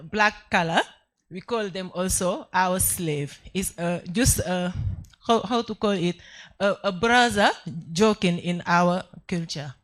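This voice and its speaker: A woman with a Senegalese accent and Wolof as her first language speaks slowly and haltingly, often stopping to search for words. Her pitch sits a little low as she introduces herself to an audience as a student. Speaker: student speaker at an orientation event. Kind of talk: informal self-introduction to an audience.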